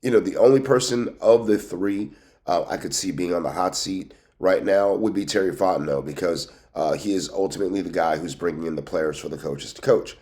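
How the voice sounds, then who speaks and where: A man's voice: low voice, fairly quick, a little mellow. A man hosting a sports show in casual commentary, sounding congested and nasal from a cold, as if pinching his nose, with a folksy, conversational manner. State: has a cold with a scratchy throat. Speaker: host of a sports team news show.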